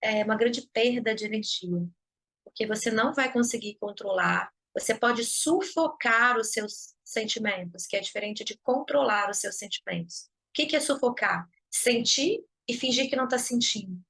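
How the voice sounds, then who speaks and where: A woman's voice: on the high side, normal speed, fairly bright tone, breathy edge, rough recording. A woman with a Brazilian Portuguese accent hosting a live stream of advice, talking casually and acting out everyday dialogues. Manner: chatty, uses many tag questions and acts out everyday dialogues. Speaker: host of a self-development live stream. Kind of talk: conversational advice talk.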